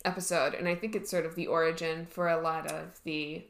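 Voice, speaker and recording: Deep and level, with vocal fry, this co-host talks a little fast on a podcast recorded with roomy echo. She chats casually yet haltingly, restarting sentences, using lots of fillers, and laughing frequently.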